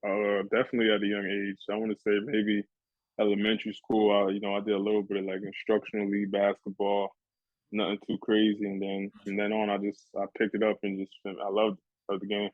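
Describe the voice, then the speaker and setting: A young college basketball player from New Jersey talks through his answers in a low, flat voice. He is relaxed and courteous, and he often says "yes, sir." The sound is dry and thin, close to a phone line. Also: brisk, dry recording. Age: young adult. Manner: laid-back, polite, keeps saying "yes, sir". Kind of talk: casual interview answers.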